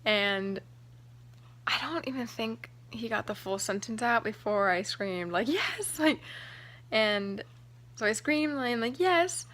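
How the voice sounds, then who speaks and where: Young woman vlogging, chatty and excited, lots of likes and ums, talking right to the camera. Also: medium pitch, measured pace. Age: young adult. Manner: chatty, excited, heavy use of "like" and "um". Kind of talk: casual storytelling to camera.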